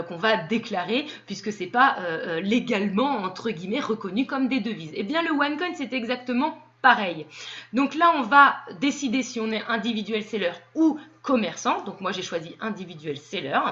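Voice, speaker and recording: A woman with a fairly high voice talks through a screen-recorded walkthrough, step by step. She pauses and fills gaps with hesitations as she explains. The recording sounds dull and lo-fi. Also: a bit bright. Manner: hesitant, explanatory, with frequent fillers. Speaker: tutorial presenter.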